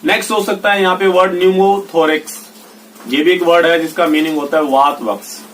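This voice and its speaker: A male teacher giving a spoken grammar lesson, slowly reading out English example sentences one by one. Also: a little high, steady tone, far from the mic, slight background noise. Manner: explains slowly, reads English examples out deliberately. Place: indoors with rain heard outside. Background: rain.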